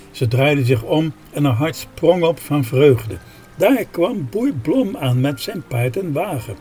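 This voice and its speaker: A man reading a story aloud in a calm, measured way. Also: mid-range voice.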